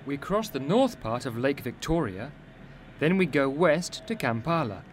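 A man voicing a calm, joking boy who reassures his sister on a flight. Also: medium pitch, a little slow, a little hiss or hum, voice pushed up, close to an everyday voice.

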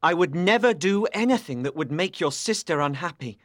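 A woman's voice: on the low side, expressive, brisk, voice pushed down, lightly acted. A woman voicing a frail, earnest young man. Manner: quiet, earnest, bitter. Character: gentle young man, frail, bitter and devoted.

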